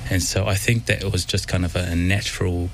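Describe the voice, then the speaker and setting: A man with a New Zealand accent, a dentist speaking as a guest in a radio studio interview, thoughtful and halting with many pauses. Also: deep voice, little pitch movement, slight background noise.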